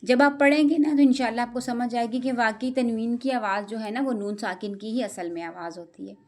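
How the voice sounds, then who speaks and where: A woman's voice: fairly high pitch, a little mellow. Patient woman teaching Quran recitation. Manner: patient, spells out letters slowly, often adds "theek hai". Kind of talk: step-by-step spoken lesson.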